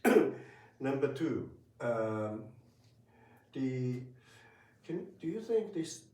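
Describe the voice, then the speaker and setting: A man teaching Japanese in a casual spoken lesson, talking slowly and hesitantly with many fillers. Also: medium pitch, sing-song, darkish tone. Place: room in Tokyo. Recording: roomy, from a distance.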